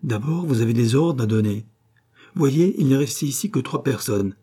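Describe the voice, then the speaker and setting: A man voicing a proud, anxious queen, dignified and commanding, in a low husky voice. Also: expressive, moderate pace, dark tone.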